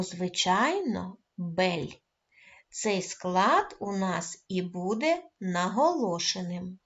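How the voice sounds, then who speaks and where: A woman teaching a first-grade reading lesson, coaxing the children and praising them often, calling out words loudly and stretching their syllables. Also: fairly high pitch, lo-fi sound. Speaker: primary school teacher.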